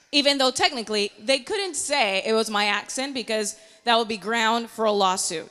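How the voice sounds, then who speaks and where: Woman in her thirties, earnest motivational storyteller, bright voice with a long hall echo. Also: fairly high pitch. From Panama. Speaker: meteorologist. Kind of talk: personal story speech.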